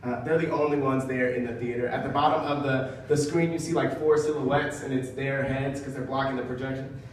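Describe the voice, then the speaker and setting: A man's voice: medium pitch, fairly even intonation, a little fast, a little hiss or hum. A young man from Ohio doing a self-deprecating stand-up set, full of fillers and acted-out quotes, in a comedy club. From Ohio, USA. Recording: distant, very echoey club recording with audience.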